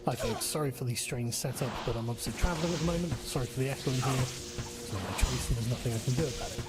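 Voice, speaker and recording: A man's voice: mid-range voice, fast, loud music behind the voice. A man giving casual, wry video commentary from a temporary room while travelling, with his voice echoing around him. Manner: wry, amused. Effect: echoey room sound. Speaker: online commentator.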